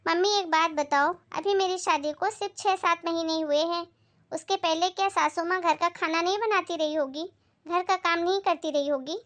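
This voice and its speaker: A woman as a young newlywed daughter in a family skit. She is outspoken and quick to complain, with a very high voice. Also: a bit bright. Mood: aggrieved. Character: young married daughter visiting her mother.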